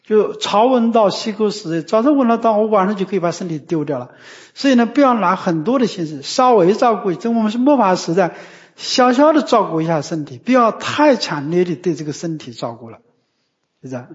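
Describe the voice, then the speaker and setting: A man's voice: high-pitched, animated, a little fast. A man giving a Buddhist dharma talk, didactic and emphatic, often ending points with a tag question. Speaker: Buddhist teacher. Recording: muffled lo-fi recording.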